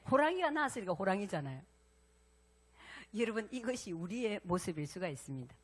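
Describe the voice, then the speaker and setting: A woman pastor preaching a sermon, animated and interactive, prompting her congregation to respond. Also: mid-range voice, fairly quick.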